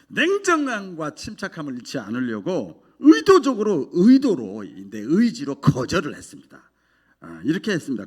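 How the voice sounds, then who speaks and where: A man preaching a sermon as a pastor, telling an emotional testimony that swings from hushed to loud. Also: a little high.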